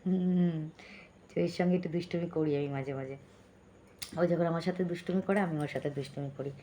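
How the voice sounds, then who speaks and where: A woman talks softly and close to her phone, keeping her voice down at home late at night. Her voice is low and mellow, and she chats warmly with viewers, often asking if they follow. A faint hiss sits behind her. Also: fairly even intonation, fairly quick. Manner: speaks softly and close to the phone so as not to wake others; chatty, keeps checking in with listeners. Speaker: vlogger. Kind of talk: late-night vlog outro, reading viewer comments. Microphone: phone held close.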